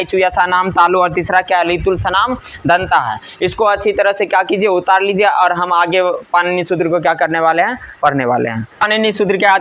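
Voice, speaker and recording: A man's voice: high-pitched, pushed and bright. A male teacher, giving a grammar lesson that drills rules by asking and answering his own questions.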